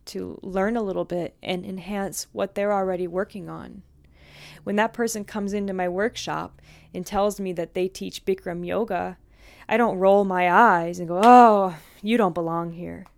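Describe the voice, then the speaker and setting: A woman yoga teacher giving a calm, earnest spoken lesson. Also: mid-range voice, dry recording.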